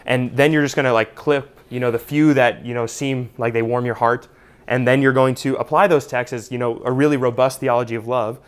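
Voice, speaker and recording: A man's voice: mid-range voice, steady tone, brisk, smooth. A man teaching a Bible study class in a conversational way, with lots of "you know" and "uh". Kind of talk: unscripted teaching talk.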